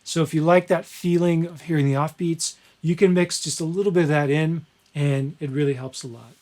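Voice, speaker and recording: Relaxed man explaining music software. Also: fairly high pitch, fairly quick. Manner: relaxed and conversational, explaining step by step. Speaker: music instructor. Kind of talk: screen-recorded software tutorial.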